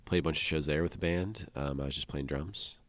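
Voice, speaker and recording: Man, very low voice, laid-back rambling chat, dry close mic. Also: a little fast, no room sound. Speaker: musician guest. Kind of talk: casual interview chat. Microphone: close microphone.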